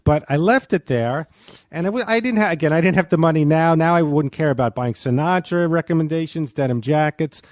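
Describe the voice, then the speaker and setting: Rambling, halting male comedian guest. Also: on the high side, dry recording, studio quality. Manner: rambling, halting, self-deprecating storyteller. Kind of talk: casual podcast chat.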